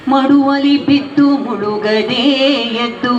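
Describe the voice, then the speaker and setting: A woman singing the part of a male god who calms his angry wife, in a slow, drawn-out devotional song. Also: high-pitched. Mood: pleading. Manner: sung in slow, drawn-out phrases with spoken refrains. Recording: roomy, dull recording with faint music.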